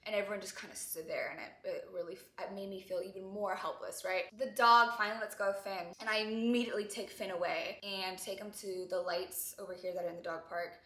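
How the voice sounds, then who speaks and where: A young woman vlogger telling an emotional story, tearful and animated as she talks. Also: medium pitch, fairly quick, hardly any pauses, reverberant.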